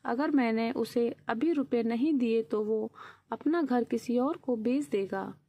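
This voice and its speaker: A woman's voice: on the high side, unhurried, dark tone, no room sound. A woman reading the lines of a deceitful young adult son in a storybook narration, coaxing his father.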